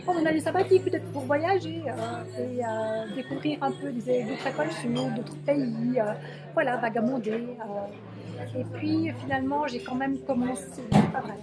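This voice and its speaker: Woman, high voice, sign interpreter speaking in first person; halting delivery, loud music behind, café setting. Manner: halting, searching for words as she interprets.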